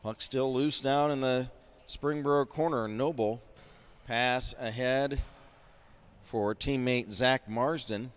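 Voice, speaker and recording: A man calling a high school hockey game play by play, folksy and rambling with lots of fillers, from behind glass up in a rink mezzanine. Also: steady tone, takes it slowly, clear, resonant tone. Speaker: play-by-play announcer. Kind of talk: amateur hockey play-by-play commentary.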